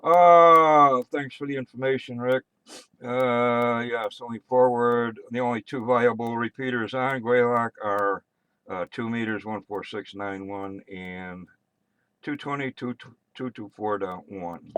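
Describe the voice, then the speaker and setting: An American man working as net control on an amateur radio net, reading check-ins and announcements in a halting, offhand way with muttered asides. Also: medium pitch, steady tone, a bit bright, clean tone, no echo.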